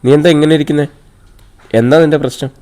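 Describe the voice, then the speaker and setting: A man's voice: fairly high pitch, steady tone, fast talker, warm tone, lightly acted. Stern scolding mother, read by a man. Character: stern worried middle-aged mother.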